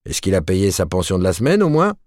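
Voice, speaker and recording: A man's voice: low-pitched, wildly swooping pitch, fast talker, a little mellow, dry recording, clean studio sound, heavily acted. A man voicing a cold, vindictive middle-aged shopkeeper husband who hammers every word. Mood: cold, scolding.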